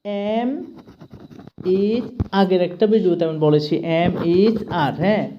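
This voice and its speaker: A woman's voice: fairly low pitch, slow, highs cut off, background noise. A woman with a Tripura Bengali accent teaching English grammar to students, patiently checking that they follow each step. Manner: patient, keeps checking understanding with "ঠিক আছে?".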